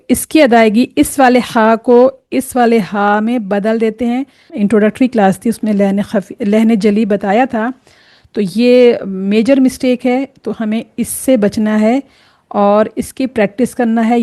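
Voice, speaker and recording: A woman with a fairly high, warm voice teaches Quran reading. She patiently explains each Arabic letter and sounds it out slowly to demonstrate.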